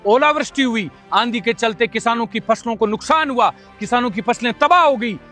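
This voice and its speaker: A man from the Bikaner area of Rajasthan delivers a fiery political statement straight to camera. His voice sits unusually high and rings sharp and forceful as he accuses and demands. Soft music plays faintly behind him. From Bikaner area, Rajasthan, India. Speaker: local political activist. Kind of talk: impassioned political video statement.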